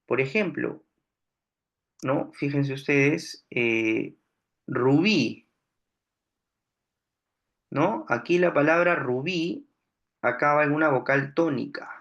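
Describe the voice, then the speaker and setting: Slow, deliberate male grammar teacher. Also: a little high, a bit bright, muffled recording. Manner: slow, deliberate explaining with frequent checks "¿no?". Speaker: language teacher. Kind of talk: recorded grammar lesson.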